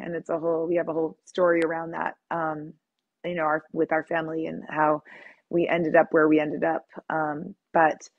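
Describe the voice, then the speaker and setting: A middle-aged yoga teacher, born in Lebanon and raised near Boston, chats as a guest in a casual interview, warm and laughing often with plenty of ums. Her voice sits low, and the recording is dry and muffled.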